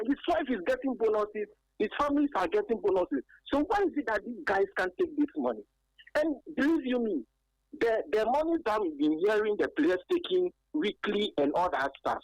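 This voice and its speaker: A woman's voice: medium pitch, dry recording. A woman with a Ghanaian accent calling in to a radio sports show over a clipped phone line, making her case earnestly and emphatically with frequent hesitations. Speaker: radio call-in caller. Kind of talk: call-in opinion on a sports show. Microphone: telephone.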